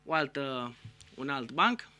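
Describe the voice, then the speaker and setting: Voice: mid-range voice, expressive, sharp tone, soft background music. A host telling a string of jokes in a casual monologue, acting out the characters. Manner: acts out joke characters with raised voice.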